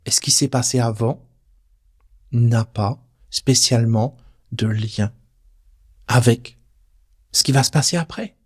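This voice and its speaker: A man's voice: medium pitch, slow, pauses often, slightly rough. A man giving a casual spoken lesson, talking straight to the listener in an informal, playful way. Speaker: personal development teacher. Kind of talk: casual spoken teaching video.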